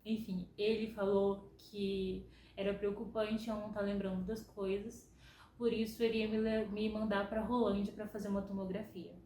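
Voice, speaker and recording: Relaxed chatty Brazilian woman, roomy sound. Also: mid-range voice, moderate pace, slight background noise. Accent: Brazilian Portuguese. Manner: relaxed, chatty, acts out quotes. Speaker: vlogger. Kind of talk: personal storytelling.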